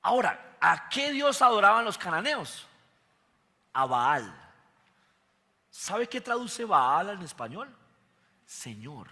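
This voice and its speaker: A man's voice: high voice, sing-song, slow, gravelly, pauses often, pushed and bright. A male pastor giving a sermon, teaching and putting questions to his congregation. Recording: echoey hall with faint guitar.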